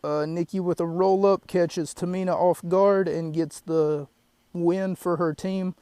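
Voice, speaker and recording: A man's voice: sits high, fairly even intonation, unhurried, mellow, smooth, no echo. A young man hosting a solo podcast from his parked car, rambling and shaken, catching his breath between fillers. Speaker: podcast host. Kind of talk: solo podcast, wrestling recap. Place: parked car in an empty lot.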